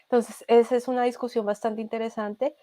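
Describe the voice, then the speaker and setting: Colombian woman in an interview, thinks out loud, lots of ums, higher voice, dry room. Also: little pitch movement, a little fast, no echo. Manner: thoughtful, many restarts and fillers. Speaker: podcast creator, interview guest. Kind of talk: casual interview conversation.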